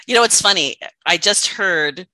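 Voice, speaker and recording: A woman's voice: on the low side, moderate pace, no echo. A woman author with a New York accent, talking animatedly in a casual chat and often restarting her sentences. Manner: animated, self-interrupting storyteller. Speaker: guest, author.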